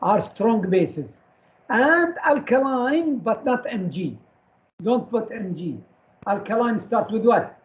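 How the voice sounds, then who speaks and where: Slow-speaking male lecturer quizzing his class. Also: sits high, animated, muffled recording. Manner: quizzes students with short questions and repeats key terms. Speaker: chemistry lecturer.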